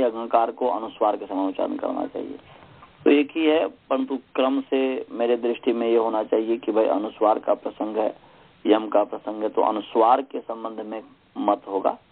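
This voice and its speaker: A man teaching a Sanskrit grammar lesson, patient and slow, repeating sounds to drill pronunciation. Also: medium pitch, breathy edge. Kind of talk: slow online lesson with chanting. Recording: tinny phone-line audio.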